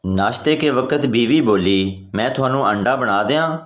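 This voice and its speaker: A man's voice: medium pitch, animated, a little slow. A man reading out a string of short jokes in a plain storytelling way, giving every character the same voice. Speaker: joke narrator. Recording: roomy echo.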